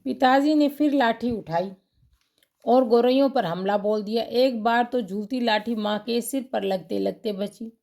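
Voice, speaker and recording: A woman's voice: on the high side, a little slow, creaky, darkish tone. A woman teacher reading a textbook story aloud and then explaining each passage in simple words.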